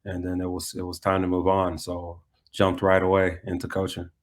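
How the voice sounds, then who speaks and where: An American man from the United States speaks in a low, very even voice at a moderate pace. He sounds like a coach in an interview, answering conversationally.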